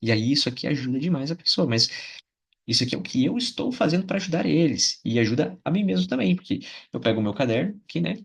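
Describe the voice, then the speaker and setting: A man's voice: on the high side, animated, fast talker, creaky, slight background noise. A Brazilian Portuguese-speaking man teaching English in a casual spoken lesson. He talks in a chatty way, repeats short phrases and keeps checking in with the listener.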